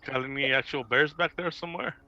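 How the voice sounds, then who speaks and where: A man's voice: mid-range voice, fairly quick, bright, forceful tone. A man bantering casually as a player in a tabletop game, on a somewhat muffled recording.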